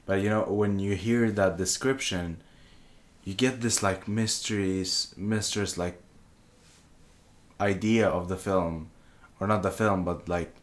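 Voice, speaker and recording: A young man with a strikingly low, deep voice talks casually about films, and Swedish is his first language. He hesitates a lot, restarting sentences and hunting for words as he goes. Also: steady tone, slow. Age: young adult. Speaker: podcast co-host, film student. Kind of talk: casual film discussion.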